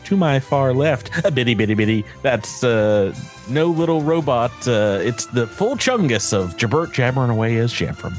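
Playful male game master, lively pitch. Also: normal speed, soft background music. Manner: playful, jokey, laughs often. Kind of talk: casual actual-play chat and intros.

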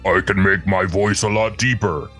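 Man using a pitch-shifted deep voice, altered timbre, playful podcast intro, game master. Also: fairly even intonation, moderate pace, a bit bright, faint music behind. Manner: showing off a voice changer, playful. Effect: voice pitched down by an effect.

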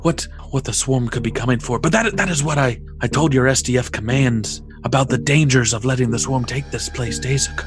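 A man's voice: mid-range voice, fairly quick, few pauses, music in the background, voice pushed up, natural voice. A man voicing a frail old alien priest in a tabletop game, stammering and portentous like a fortune teller. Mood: anxious, reverent. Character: old mystical alien priest, frail, rambling, ominous seer. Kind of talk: tabletop game character acting.

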